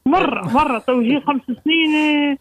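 A woman's voice: sits high, a little fast, a crowd in the background. A woman in her seventies with a Tunisian accent, a caller reminiscing and rambling with emotion. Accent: Tunisian Arabic. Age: 70s. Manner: rambling, emotional, repeating herself. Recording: dry phone line.

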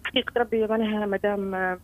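Rapid-talking Tunisian woman on a phone line. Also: medium pitch, flat delivery. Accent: Tunisian Arabic. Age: 40s. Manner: rapid, hesitant, many restarts. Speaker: caller. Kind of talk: phone-in call.

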